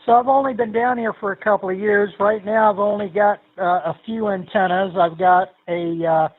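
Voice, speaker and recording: Older man, high voice, tinny radio transmission. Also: normal speed. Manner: relaxed, rambling, hesitant. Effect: tinny narrow-band radio transmission. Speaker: amateur radio operator checking in. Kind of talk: amateur radio net chat. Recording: tinny, dry radio-link audio.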